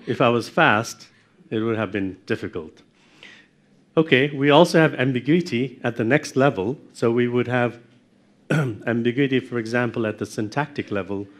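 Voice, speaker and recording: Speaking at medium pitch, this middle-aged lecturer takes his university audience through the material in steps, posing questions to the people in the lecture room as he goes.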